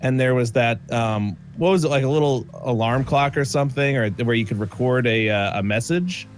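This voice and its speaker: A man's voice: medium pitch, normal speed, slight background noise. A man chatting casually with friends during an online racing game, telling a story and swearing freely. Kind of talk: casual gaming chat.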